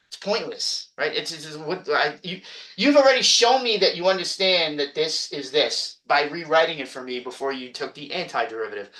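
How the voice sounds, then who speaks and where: A man's voice: medium pitch, bright, forceful tone. A man professor giving an exam review lecture, emphatic and jokey, often repeating himself. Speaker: math professor. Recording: echoey room, mic far off.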